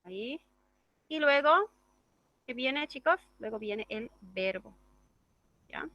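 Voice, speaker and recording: A woman's voice: on the high side, expressive, takes it slowly, bright, forceful tone, no room sound, muffled recording. A woman teaching an English grammar class, explaining step by step and checking in with the class through tag questions. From Bolivia.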